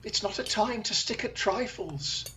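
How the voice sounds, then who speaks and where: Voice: mid-range voice, measured pace, pushed and bright, slight background noise. A performer in an audio drama playing Sherlock Holmes as a keen, assured male detective with formal, precise, theatrical delivery. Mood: grave, urgent.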